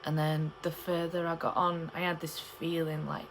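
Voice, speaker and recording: Low-voiced young woman vlogging. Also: flat delivery, normal speed, slight background noise. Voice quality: cannot pronounce P in the middle of words. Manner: chatty, rambling storytelling. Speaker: pregnancy vlogger. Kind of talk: casual chat to camera.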